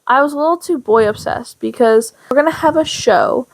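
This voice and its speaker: A woman chatting casually as a podcast co-host, telling personal stories in an animated way and acting out dialogue. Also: high voice, a little fast, creaky. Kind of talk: casual chat, personal storytelling.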